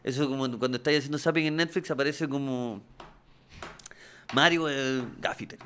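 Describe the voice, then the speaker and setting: A man's voice: mid-range voice, normal speed, bright, forceful tone, a little hiss or hum. A man with a Chilean accent, co-hosting a podcast with joking, teasing casual chat. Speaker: podcast co-host.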